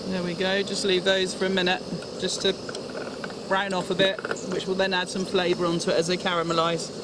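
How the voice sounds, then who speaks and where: A man with a high voice talks through a cooking demonstration one step at a time, chatty and instructive. His delivery stays level, without much rise and fall. The recording is noisy, with steady outdoor sound behind him. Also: brisk. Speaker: cook demonstrating camp recipes. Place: outdoors at a fishing lake.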